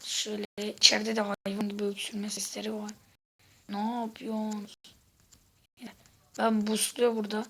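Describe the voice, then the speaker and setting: A woman giving casual gameplay commentary, exasperated, swearing and shouting out at the game while chatting to her viewers. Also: medium pitch, monotone, normal speed, long pauses, a little hiss or hum. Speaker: gaming video host.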